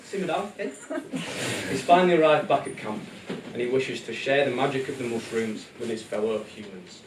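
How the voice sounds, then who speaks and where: Narrating a live puppet show in a room with music in the background, a man tells a comedic story in an irreverent, informal, ad-libbed way. His medium-pitched voice is expressive and a little fast. The capture is distant and roomy, with loud music and slight background noise.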